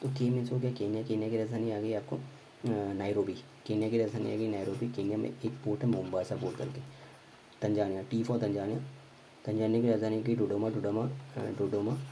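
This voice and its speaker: A man teaching a quick geography revision lesson, repeating names over and over and correcting himself as he goes. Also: lowish voice, little pitch movement, mellow, a little hiss or hum, rough recording. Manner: quick, repetitive drilling with frequent self-corrections and fillers.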